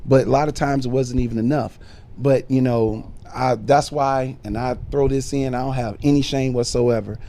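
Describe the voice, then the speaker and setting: A man's voice: medium pitch, fairly even intonation, moderate pace, mellow, slight background noise. A middle-aged man, a minister born in Chicago and raised in Detroit, telling his life story in a casual podcast interview with frequent fillers. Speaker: bishop and minister.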